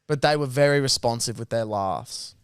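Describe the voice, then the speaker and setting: A man with an Australian accent chats casually as a podcast host. His delivery is blunt and full of Aussie lad slang. The voice is clean and smooth, recorded close and dry. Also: mid-range voice, normal speed, no room sound. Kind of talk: casual chat.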